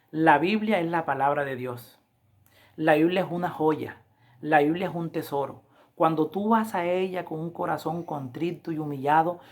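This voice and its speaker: A woman preaching a Bible lesson review, with emphatic, repetitive appeals to her listeners, slowing down to read scripture. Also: low-pitched, a little mellow. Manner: slows down to read scripture aloud. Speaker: Adventist Bible lesson teacher.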